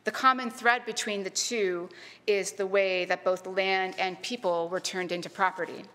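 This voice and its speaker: A middle-aged Canadian woman reads a prepared public history lecture in a medium-pitched voice that is steady, bright and forceful. She speaks in a measured, earnest way, deliberately stressing key words, and a long reverb makes it sound like a lecture hall.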